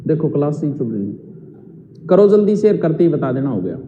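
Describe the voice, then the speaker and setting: A man's voice: a little high, sing-song, brisk, mellow, slight background noise. A man teaching a grammar lesson, explaining step by step and asking the class questions as he goes. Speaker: Hindi teacher. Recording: echoey dull room audio.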